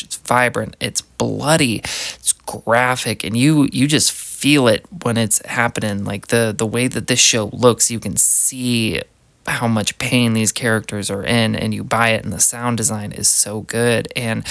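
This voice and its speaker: A man's voice: mid-range voice, creaky, a bit bright, no room sound. Enthusiastic man reviewing a show, dry sound. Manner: enthusiastic, rambling, heavy use of "like". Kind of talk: casual review monologue.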